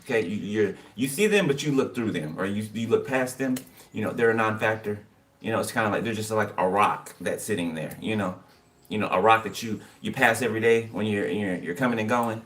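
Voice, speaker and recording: A man's voice: on the low side, brisk, fairly bright tone. A man giving a casual tarot reading, rambling and repeating "okay" and "you know" as he talks to his viewers. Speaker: tarot card reader. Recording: distant mic with background noise. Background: birds chirping.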